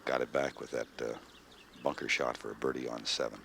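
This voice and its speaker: A man giving measured live golf commentary in sparse, clipped phrases. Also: a bass voice, fairly even intonation, vocal fry, a bit bright, a little hiss or hum.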